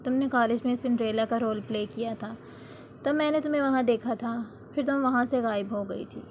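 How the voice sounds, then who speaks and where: A devoted young husband from a read-aloud romance story, earnest and tender, as a woman narrator voices him. The lines come in a fairly high voice, soft and pleading rather than gruff. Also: slight background noise, close to an everyday voice.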